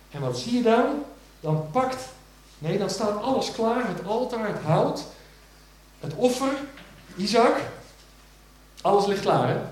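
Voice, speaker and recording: Male preacher in an echoing hall. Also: slight background noise. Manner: swells loud on key words, drops to hushed low phrases. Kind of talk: sermon. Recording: echoey church hall.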